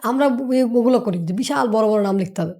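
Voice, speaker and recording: A woman speaking as a business mentor lectures emphatically on a podcast with motivational business advice, repeating points and throwing out rhetorical questions. Her voice is on the high side and warm, and she talks fairly quickly.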